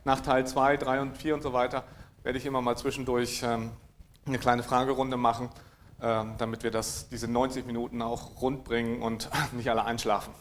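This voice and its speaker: Throat-clearing man giving a tech talk. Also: medium pitch, little pitch movement, normal speed, a little hiss or hum. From East Frisia, northern Germany. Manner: hesitant, many fillers, frequent throat clearing, dry. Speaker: conference speaker. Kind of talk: technical conference talk. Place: lecture room at a conference.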